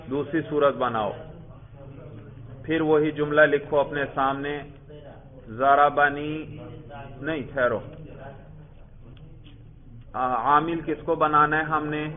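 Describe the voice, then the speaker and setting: A man from Pakistan teaching Arabic grammar at a seminary. He runs the class with patient, rapid questions to his students. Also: fairly high pitch, steady tone. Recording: tinny phone-like lo-fi recording.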